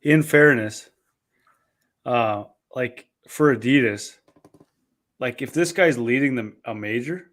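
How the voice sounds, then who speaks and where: A man's voice: mid-range voice, takes it slowly, pauses often, fairly bright tone. Offhand man chatting on a podcast. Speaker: podcast co-host. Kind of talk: casual chat.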